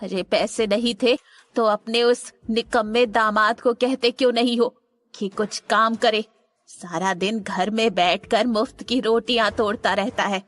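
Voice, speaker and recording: A man's voice: sits high, steady tone, a little slow, fairly bright tone, pitched above the performer's own voice. A man putting on a harsh scolding old grandmother. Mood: angry scolding. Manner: scolding, contemptuous. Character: harsh domineering old grandmother, family matriarch. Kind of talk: audiobook character voice.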